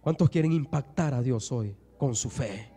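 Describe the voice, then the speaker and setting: A man's voice: medium pitch, moderate pace, warm tone, slightly rough. A middle-aged man preaching a sermon in a church, swinging his emphasis and acting out voices from the stories he tells. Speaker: pastor. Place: church sanctuary.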